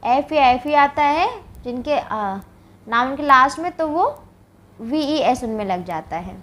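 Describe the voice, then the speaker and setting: A woman's voice: high-pitched, animated, measured pace, a bit bright. A woman from India teaching English grammar, explaining step by step and answering her own questions. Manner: says "ठीक है" often as a check-in. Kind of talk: classroom grammar lesson.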